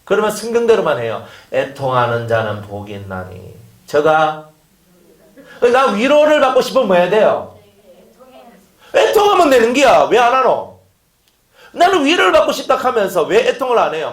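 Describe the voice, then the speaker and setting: A man's voice: very high-pitched, huge pitch swings, fairly quick, a bit bright. A man preaching a sermon, firing off rhetorical questions and acting out quotes. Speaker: pastor. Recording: echoey room.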